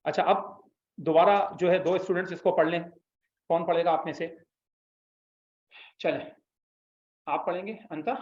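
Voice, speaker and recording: A man's voice: high-pitched, steady tone, moderate pace, pauses often, darkish tone. A man teaching an Arabic class, patiently explaining and prompting students to repeat after him. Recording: echoey room, slightly dull sound.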